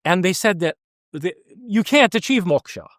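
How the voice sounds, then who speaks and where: This American interview guest has a high voice with lively intonation, a bit of brightness, and a moderate pace. He speaks earnestly and emphatically with many restarts in a conversational interview. The studio recording is clean, with no room sound.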